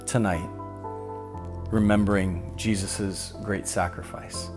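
Male pastor, very low voice, unhurried and weighty sermon delivery with long pauses. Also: steady tone, music in the background. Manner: slow, solemn and deliberate, with long pauses.

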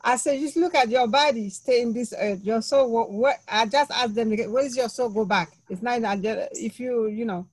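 A woman in a study circle telling an anecdote on a video call, animated, with non-native grammar, laughing at her own story. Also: a little high, moderate pace, few pauses, no echo, poor audio.

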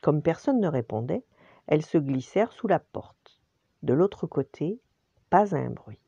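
An older woman, a grandmother, telling a bedtime story gently and expressively, sometimes dropping to a whisper. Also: sits low, big pitch swings, unhurried, creaky, slightly rough, no room sound, muffled recording.

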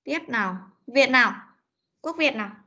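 Bright, high-voiced woman teacher on a video call. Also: animated, normal speed. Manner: coaxing, repeats words for pupils to echo. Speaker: English teacher. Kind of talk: online class pronunciation drill. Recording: dull lo-fi meeting recording.

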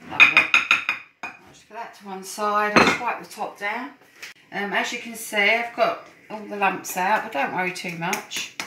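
A woman's voice: medium pitch, far from the mic, background noise. Chatty woman in an echoey kitchen. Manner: chatty, encouraging, talks while whisking. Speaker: support worker cooking host. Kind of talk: casual cooking demonstration. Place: home kitchen, indoors. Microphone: phone camera at a distance. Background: clinking bowls and utensils.

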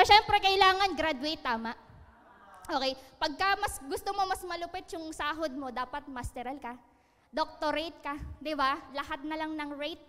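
A woman speaks to a room in a high, bright voice, teasing her listeners and laughing at her own jokes. Her words ring out with a long hall reverb behind them, as in a seminar space. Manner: joking, laughing, asks listeners questions. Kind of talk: lively seminar talk.

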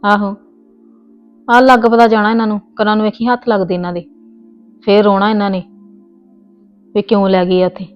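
A lightly acted family comedy skit features a woman as a stubborn young wife, ready to argue, scolding and insisting while her voice rises. Her voice is mid-range and level, fairly quick with long pauses, and the lo-fi sound carries faint music behind; the mood is soothing and scolding.

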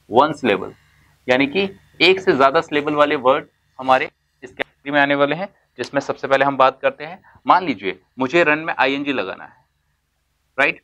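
This teacher's voice is on the high side and a bit bright, heard through poor audio in a classroom-style lesson on basic English terms. He mixes Hindi and English words, poses questions that he answers himself, and slowly elongates words for emphasis.

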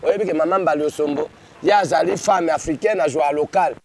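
Talking a little fast, this high-voiced male comedian has a darkish tone and an exuberant, declamatory delivery that switches between two languages. He's in his stage persona for a street interview full of lively self-promotion, with a crowd audible behind him.

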